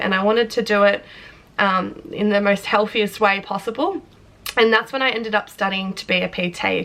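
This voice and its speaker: Hoarse young woman, bright and emotional. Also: medium pitch. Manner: candid, rambling, emotional. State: hoarse with flu. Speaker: vlogger and personal trainer. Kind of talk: personal story vlog. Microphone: front camera close up.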